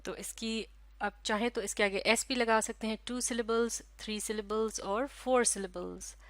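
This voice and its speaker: A woman teacher with a Pakistani Urdu accent, giving a recorded lesson to children, stretching out syllables slowly and asking questions that she answers herself. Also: on the high side, steady tone, no echo. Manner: slow, careful, drawn-out syllables for children. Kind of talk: recorded classroom lecture.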